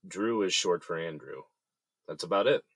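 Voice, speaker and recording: A man's voice: low-pitched, expressive, normal speed, breathy edge, no echo. An actor playing a wary male inmate who talks in a curt, guarded way. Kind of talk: audio drama acting.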